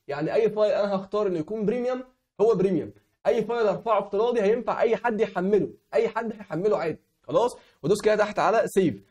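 In this screen-recorded tutorial, a young Egyptian man hosts an online walkthrough of a website, speaking with an Egyptian Arabic accent. His voice is hoarse from a cold, sits high, and has a darkish tone. He repeatedly checks in with viewers by asking "okay?"

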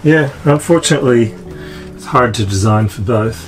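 A man in his fifties demonstrates a repair on the deck of a sailboat at anchor, explaining every step as his hands work. His mid-range voice moves at normal speed over soft background music, with wind and ambient sound captured by the camera mic.

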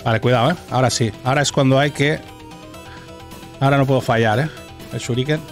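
Talking fast at a medium pitch with fairly even intonation, a Castilian Spanish-accented streamer swears casually and mutters to himself as he plays. A boom-arm mic sits close in his small indoor streaming room, while video game music plays behind him.

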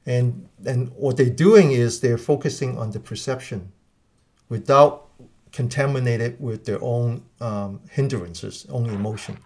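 Halting man explaining, many restarts. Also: medium pitch, a little mellow. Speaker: guest teacher. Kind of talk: live Q&A explanation.

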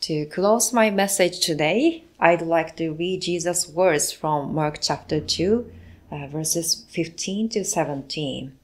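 A woman giving live English interpretation of a sermon, slow and measured, now and then correcting herself mid-phrase. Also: low-pitched. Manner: slow, measured delivery with occasional self-corrections.

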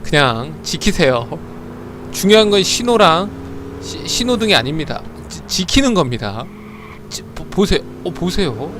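Guy streaming a game, high lively voice, stammers a lot, car noise behind. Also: normal speed. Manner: playful, chatty, swings into loud flustered outbursts; stammers and repeats words. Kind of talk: live game commentary with chat.

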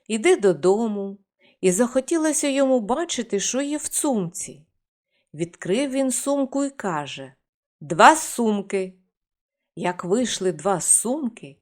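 A woman reading a folk fairy tale aloud in a measured, expressive storytelling manner. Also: on the high side.

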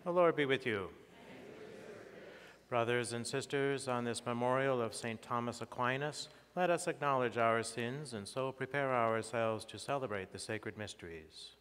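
A priest reciting the prayers of Mass in a slow, measured, solemn way, his voice ringing with the long echo of a church. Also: mid-range voice, a bit bright, clear, resonant tone. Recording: long echoing church reverb.

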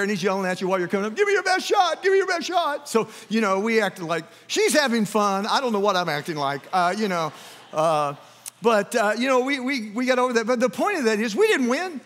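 A man's voice: high voice, fairly bright tone. A man preaching as a pastor, telling a folksy story full of asides. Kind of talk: sermon. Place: large church hall. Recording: long reverb of a church hall.

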